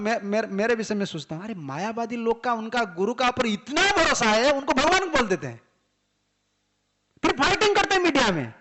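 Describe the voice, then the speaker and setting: A man's voice: very high-pitched, pushed and bright. A swami giving an emphatic devotional sermon, firing off rhetorical questions and mixing English words into his talk.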